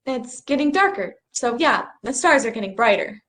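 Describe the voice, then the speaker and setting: A woman's voice: high voice, animated, moderate pace, fairly bright tone. A young woman acting an earnest, bookish stargazer in a stage play reading, a little apologetic as she explains things. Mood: explaining. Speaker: actor in a rehearsed play reading.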